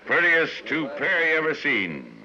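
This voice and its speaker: An actor playing an easygoing, cocky Wild West gunfighter at cards, with a folksy Western American drawl, in 1950s radio western style. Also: male voice, fairly high pitch, wildly swooping pitch, measured pace, very noisy. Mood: cocky, genial. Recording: dull vintage radio, background chatter.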